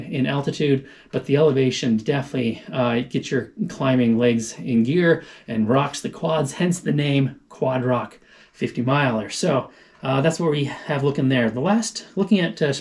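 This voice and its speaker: A man talking casually to camera as a running vlogger, explaining things informally and thinking aloud. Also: medium pitch. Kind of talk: casual vlog talk to camera.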